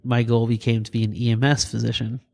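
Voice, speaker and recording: A middle-aged man from New Jersey, a paramedic and doctor, telling lively stories in a casual interview and laughing as he talks. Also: gravelly. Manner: animated, laughs through stories, quick pitch jumps. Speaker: guest, paramedic and EMS physician.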